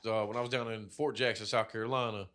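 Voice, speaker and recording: A man's voice: fairly low pitch, steady tone, quick pace, fairly bright tone. A man co-hosting a podcast, telling stories in a rambling, profane way, with lots of "like" fillers. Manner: rambling storyteller, heavy swearing, many "like" fillers. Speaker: podcast co-host. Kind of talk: casual profane chat.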